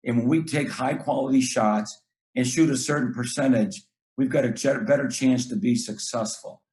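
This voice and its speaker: Middle-aged man, basketball coach, casual talk, earnest, mid-pitched voice, restarts phrases. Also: normal speed, darkish tone. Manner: earnest, repeats words, acts out talks with players. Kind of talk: casual podcast chat.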